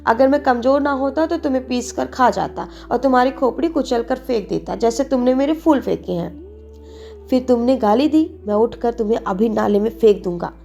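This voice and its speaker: A woman's voice: a little high, moderate pace, vocal fry, a little mellow, soft background music, pitched above the performer's own voice. A woman voicing a frail, sickly old man who whines tearfully and pants as he pleads in an audiobook. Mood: whining. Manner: whining, breathless pleading.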